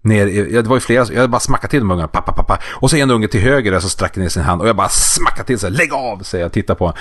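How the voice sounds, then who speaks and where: A man's voice: fairly low pitch, no echo. A man from northern Sweden, a magician, telling a story in casual chat and acting out the voices. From Skellefteå, northern Sweden. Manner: animated storyteller, acts out voices, laughs often.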